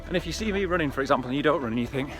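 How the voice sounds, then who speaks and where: A running vlogger chats casually and encouragingly to viewers while out on a hillside trail by some reservoirs. His voice sits on the high side and is expressive, he speaks rapid-fire, and music plays in the background.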